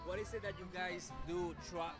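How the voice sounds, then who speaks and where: A male host asking halting questions at an outdoor park event. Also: high voice, steady tone. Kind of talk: casual interview at an outdoor event. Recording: loud music behind.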